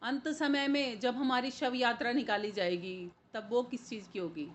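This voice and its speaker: A woman giving a devotional sermon, explaining verses and chanting couplets in a drawn-out cadence. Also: fairly high pitch. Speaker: spiritual preacher.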